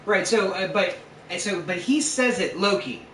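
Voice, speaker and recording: A man's voice: high voice, moderate pace, a bit bright. A man hosting a casual podcast at home, chatting and playfully arguing his points. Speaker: podcast host. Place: home room. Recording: roomy sound, distant mic, faint noise.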